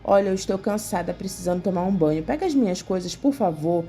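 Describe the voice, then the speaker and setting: A woman's voice: mid-range voice, animated, fast, dark tone, soft background music, natural voice. A woman voicing a scheming young woman who poses as a long-lost niece in a soap opera recap, shifting between pleading and haughty.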